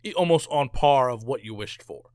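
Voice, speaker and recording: A man co-hosting a casual movie review chat, animated and incredulous, who laughs a lot. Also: mid-range voice, fairly quick, dry recording, clean studio sound.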